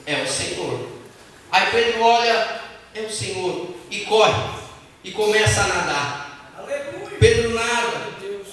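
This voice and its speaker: A man preaching a sermon in a church hall, telling the story with animated acted-out lines. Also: high voice, far from the mic, slight background noise. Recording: echoey hall, mic from afar.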